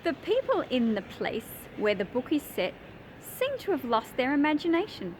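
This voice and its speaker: A lively, higher-voiced woman hosts a children's picture book channel, explaining things to young readers at normal speed with expressive, emphatic phrasing aimed directly at kids. She's in a large industrial hall full of old machinery, with clear ambient background noise.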